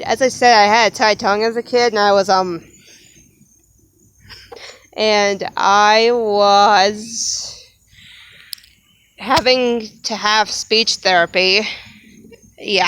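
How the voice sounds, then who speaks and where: A woman's voice: medium pitch, a bit bright, clean tone. A young adult woman talking casually in a rambling vlog monologue, laughing often and breaking off to apologize. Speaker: vlogger.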